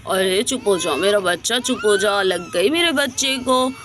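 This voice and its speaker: A woman's voice: mid-range voice, lively intonation, normal speed, fairly bright tone, slight background noise, lightly acted. A woman voicing a suspicious, scolding older mother-in-law in a doll story. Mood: worried, fussing. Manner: scolding, bossy. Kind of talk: storybook voice acting for a doll video.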